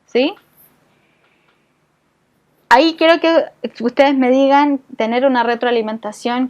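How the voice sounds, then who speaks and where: A middle-aged woman, teaching a voice-care lesson to a community group. Her voice sits high, and she explains step by step, checking in with her students after almost every point. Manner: patient, explanatory, frequent check-ins with the class. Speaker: voice therapy instructor.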